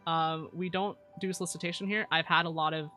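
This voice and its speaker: Female VTuber, cute anime-streamer delivery, bright tone, slangy stop-start rambling with repeated words, game music behind. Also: sits low, steady tone, a little fast. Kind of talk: casual livestream chat over a game, reading viewer comments.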